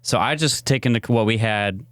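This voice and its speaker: A man co-hosting a podcast, telling stories in a casual, chatty way and getting animated when amused. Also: mid-range voice, a little fast, no echo, studio quality. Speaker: podcast co-host. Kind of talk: casual chat.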